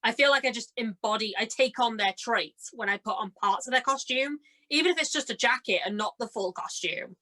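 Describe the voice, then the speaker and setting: A woman in her twenties, guesting on a podcast, speaks a little fast with hardly any pauses in a fairly high, bright, forceful voice. She chats casually and enthusiastically, giggling through animated anecdotes and acted-out quotes.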